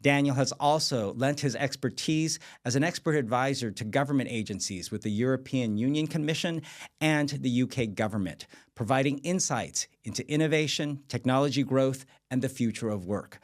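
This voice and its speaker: A man's voice: mid-range voice, moderate pace. A man in his fifties, born in Vietnam and raised in the United States, hosting an interview with polished introductions and questions. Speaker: host. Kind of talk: interview host.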